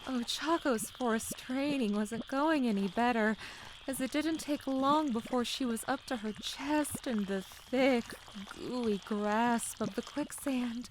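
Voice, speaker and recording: This is a woman dubbing a comic with scripted, dramatic storytelling, her voice a little high. The audio is poor, with slight background noise, faint bubbling mud ambience and gooey quicksand sound effects.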